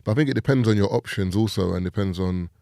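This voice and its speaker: Casting: deep-voiced man, gravelly and dark, laid-back podcast guest. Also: fast talker, no room sound, clean studio sound. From England. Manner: relaxed, says "do you know what I'm saying". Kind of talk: casual chat.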